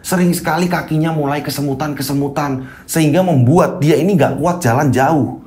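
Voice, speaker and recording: A man narrating a casual spoken story, lively and dramatic, calling out sound effects. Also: on the high side, a little fast, a little hiss or hum.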